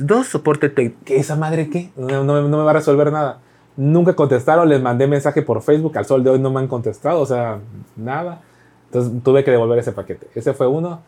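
Mellow-voiced Mexican man telling stories. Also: on the high side, brisk. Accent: Mexican Spanish. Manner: animated storytelling, acts out dialogue, swears freely. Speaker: podcast talker recounting delivery work. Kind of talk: casual podcast chat.

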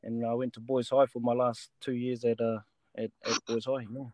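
Easygoing New Zealand man, medium pitch, dry sound. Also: flat delivery, normal speed, darkish tone, dry recording. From Taranaki, New Zealand. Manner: laid-back, matey, repeats phrases. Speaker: guest, rugby player. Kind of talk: casual chat.

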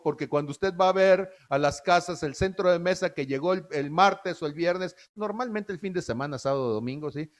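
A man's voice: high-pitched, a bit bright. A man preaching a sermon in a folksy way, often checking in with the audience.

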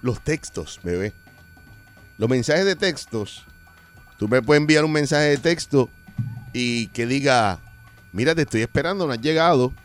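A man co-hosts in easygoing banter, his pitch swinging widely as he slips into mock voices for quoted lines. Faint music sits beneath the talk. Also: lively intonation, a little slow, pauses often. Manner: playful, acts out quoted lines in put-on voices. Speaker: radio show co-host. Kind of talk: casual banter on a talk show.

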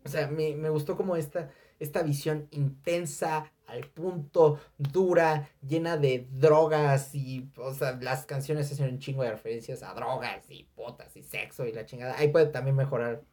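A young adult speaker with a Mexican accent reviewing an album on a casual podcast, animated and profane, breaking into shouted sound imitations. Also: mid-range voice, normal speed, hardly any pauses. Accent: Mexican Spanish. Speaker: music reviewer.

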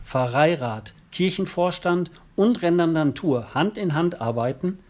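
Guy from the parish council reading a statement, formal, measured, bit high voice. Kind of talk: prepared statement.

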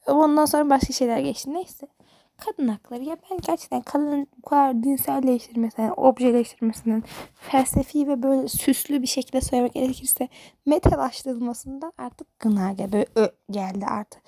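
A teenage girl, a high school student, rambling in an exasperated rant straight to camera. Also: brisk, gravelly, dark tone, no room sound, clean studio sound. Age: teens. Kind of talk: casual monologue to camera.

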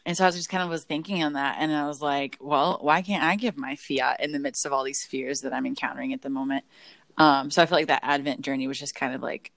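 A woman's voice: extremely low pitch, fairly even intonation, fast, gravelly, fairly bright tone, dry recording. A woman co-hosting a podcast, chatting casually about faith and rambling with many fillers and self-corrections. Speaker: podcast co-host.

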